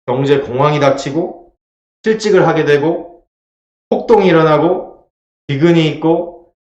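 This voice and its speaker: A man's voice: fairly high pitch, measured pace, darkish tone. A male pastor preaching a sermon, emphatic, repeating lines and asking the congregation rhetorical questions. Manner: acts out scripture quotes in a dramatized voice. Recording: roomy echo, dull lo-fi sound.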